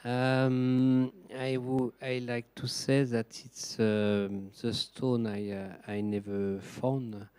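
A man with a French accent, a gem engraver answering questions in halting English and searching for words. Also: medium pitch, level tone, mellow, clear, resonant tone. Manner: hesitant, searching for words, many fillers.

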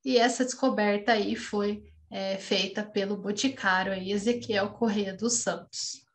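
Speaking a little slowly in a steady, mid-range voice, a postdoc in her thirties lectures online from home, her room visible on webcam. She has a Brazilian Portuguese accent and often stumbles into fillers and fresh starts. Audio is picked up by the video call webcam.

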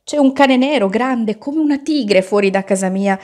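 A startled father blurts out loud, flustered exclamations, as a woman reads his lines. His voice stays close to the reader's own. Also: a little high, moderate pace, voice pushed up, natural voice. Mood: alarmed.

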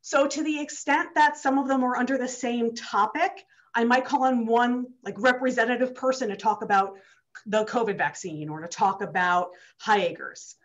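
Her voice a little high and fairly even in intonation, a young state legislator kicks off her virtual town hall at a normal speed. Speaking over a video call from the district office, she's a bit breathless and chatty, using lots of fillers and restarts; the audio is dull and lo-fi.

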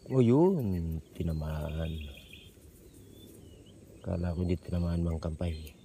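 A young man filming himself while spear-fishing outdoors, talking to his viewers in short, excited bursts. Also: low voice, slow pace. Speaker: fishing vlogger. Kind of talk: casual commentary while hunting fish. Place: outdoors in a thicket of bamboo by a pond. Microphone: action camera worn on the body. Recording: faint outdoor noise with insects.

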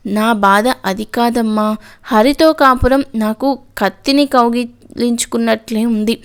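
A woman reading the lines of an anguished mother in a slow, sorrowful way, in a smooth voice. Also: fairly high pitch. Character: anguished middle-aged mother, bitter wife.

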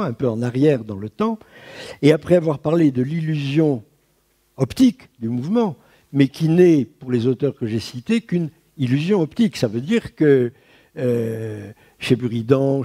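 Male lecturer, animated, swooping delivery, slightly raspy, talks an audience through ideas with asides. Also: medium pitch. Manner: explanatory with frequent asides. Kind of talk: public science lecture. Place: lecture at an astronomy festival.

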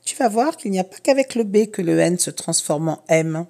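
A woman teaching a reading lesson to young children, giving slow, clear, encouraging instructions. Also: lowish voice, lively intonation, dark tone. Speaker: primary school teacher.

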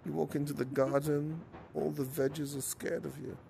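A man's voice: a little high, level tone, normal speed, creaky, dark tone, a little hiss or hum. A man joking and teasing casually in a social VR chat, slipping into put-on accents.

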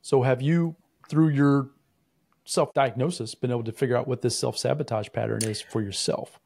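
A man's voice: medium pitch, steady tone, normal speed, creaky, darkish tone, no echo. A man co-hosting a podcast, asking his co-host probing, leading questions in a casual conversational way with frequent restarts.

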